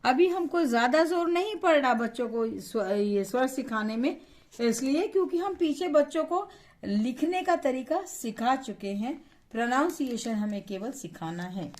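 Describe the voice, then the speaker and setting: A woman's voice: sits high, lively intonation, darkish tone. A woman teaching how to write and pronounce vowels, asking questions and answering them herself, and stretching the sounds to show them. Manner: slow, patient, asks questions then answers them; stretches vowels to model pronunciation. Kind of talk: instructional lesson.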